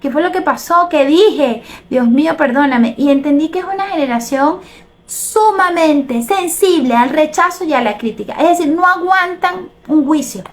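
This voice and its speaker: High-voiced Venezuelan woman hosting. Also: normal speed. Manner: animated, reads comments and reacts. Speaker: host. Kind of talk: live show monologue.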